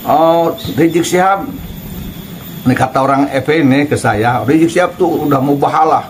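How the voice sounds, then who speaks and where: A man's voice: on the high side, normal speed, low-quality recording. Male host, mocking casual commentary, faint ambient noise. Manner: mocking, chuckles between remarks, addresses absent figure directly.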